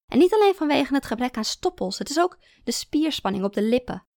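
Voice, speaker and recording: A blunt young wife with a raised, louder voice, as a woman reader puts her on. She sounds matter-of-fact and frank, with a gravelly edge. The recording is close and dry. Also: high-pitched, sing-song, brisk, dry recording, voice pushed up, heavily acted. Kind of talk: audiobook reading.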